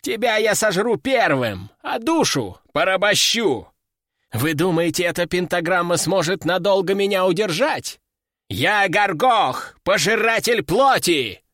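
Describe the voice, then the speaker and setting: A man's voice: sits high, big pitch swings, unhurried, a bit bright, no echo, clean studio sound, heavily acted. A man voicing a small, boastful, hungry male demon in an audiobook, snarling his lines. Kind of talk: audiobook character voice.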